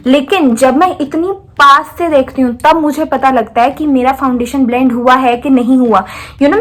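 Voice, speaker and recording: A young woman from India giving a makeup tutorial in a chatty, step-by-step way, often checking in with the viewer. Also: high voice. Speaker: beauty vlogger. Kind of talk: makeup tutorial, casual Hinglish chat.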